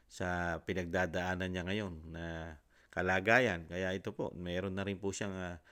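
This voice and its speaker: A Filipino man hosting a commentary channel, speaking politely and haltingly with many fillers. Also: deep voice, a bit bright, clear, resonant tone. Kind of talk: casual commentary.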